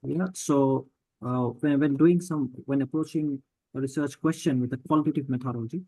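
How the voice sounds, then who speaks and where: A man participant asks a question over a video call, soft-spoken and hesitant, with many fillers. His voice is mellow and dark, and the sound is dry. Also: mid-range voice, fairly even intonation, fairly quick, dry recording, low-quality recording. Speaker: summer school participant asking a question. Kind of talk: online Q&A.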